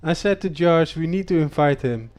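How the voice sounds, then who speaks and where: A man's voice: fairly high pitch, moderate pace. Hesitant man hosting a race stream. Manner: hesitant, many fillers, excited shouting of names. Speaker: race league host. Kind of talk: live post-race chat.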